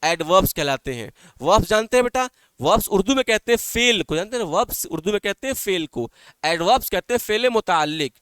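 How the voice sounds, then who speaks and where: High-voiced man teaching a class. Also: lively intonation, fast talker, a bit bright, clean tone, dry recording, clean studio sound. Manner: explains in Hindi-Urdu, repeats points, asks students questions; calls students "beta". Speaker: English teacher. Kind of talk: online class lecture.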